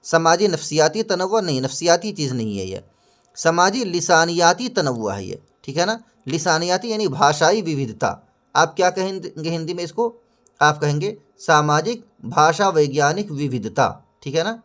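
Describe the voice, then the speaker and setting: A man talks through exam questions like a classroom teacher. His voice sits a little higher than most men's. He poses each question and then answers it himself. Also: big pitch swings, a bit bright. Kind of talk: explanatory lesson narration.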